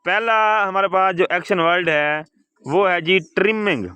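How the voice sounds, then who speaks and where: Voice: medium pitch, normal speed, bright, forceful tone, smooth, no room sound. Teacher spelling out words for children. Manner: addresses pupils as "beta". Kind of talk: call-and-response English lesson.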